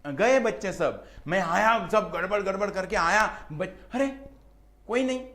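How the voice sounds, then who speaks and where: A man's voice: sits high, expressive, a little slow, sharp tone. A man with an Indian accent giving a classroom law lecture, chatty and checking in often with his students, mixing English terms into his talk. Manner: chatty teaching with frequent "right?" checks; mixes English terms into Hindi speech.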